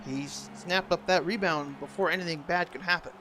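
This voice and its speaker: Higher-pitched man calling hockey over noise. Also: a little fast, pushed and bright. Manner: imitating a TV sports announcer's delivery. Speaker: hockey play-by-play announcer. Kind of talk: live sports commentary over video game. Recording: noisy, game sound throughout.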